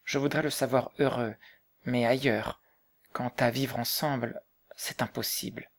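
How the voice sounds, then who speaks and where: A man reading the part of a bitter, grieving young mother, speaking softly and subdued in an audiobook. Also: medium pitch, steady tone, measured pace, close to an everyday voice. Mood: weary, bitter. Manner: soft, subdued, hushed.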